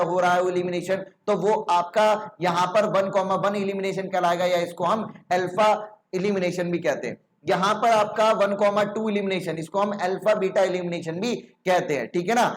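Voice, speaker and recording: High-voiced man teaching chemistry. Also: slight background noise. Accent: Hindi. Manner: explains step by step, asks and answers his own questions; checks in with "ठीक है ना". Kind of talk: online lecture.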